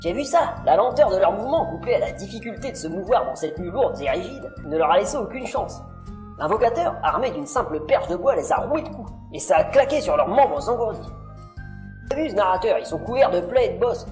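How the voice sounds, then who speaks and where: Casting: woman as reproachful female co-narrator for fantasy audio saga, animated pitch, music underneath. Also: brisk, lightly acted. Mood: reproachful, vivid. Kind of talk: dramatic scripted narration.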